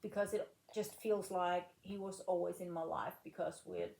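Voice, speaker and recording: A woman in her late thirties, a former rifle shooter from Denmark, answering interview questions in a measured, unhurried way with pauses between phrases. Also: lowish voice, steady tone, creaky, a little mellow. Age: 30s. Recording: echoey room.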